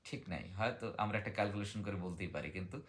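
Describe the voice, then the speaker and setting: A low-pitched man with a fairly bright tone speaks fast as a guest discussing a book. He teaches as he goes, reading some passages aloud and answering the questions he poses.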